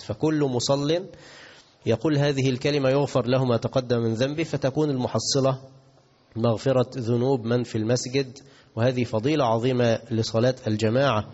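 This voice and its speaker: A man's voice: medium pitch, darkish tone. A man with an Egyptian accent giving a religious lesson, asking his listeners questions and answering them himself. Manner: asks the audience questions and answers himself, mixes classical and colloquial. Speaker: sheikh teaching hadith. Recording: dull recording in a reverberant hall.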